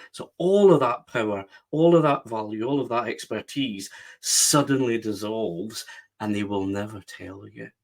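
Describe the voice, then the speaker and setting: A man with a West of Scotland accent, speaking as a guest on an interview podcast and stressing his points with repeated phrases. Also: fairly low pitch. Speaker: guest, book strategist.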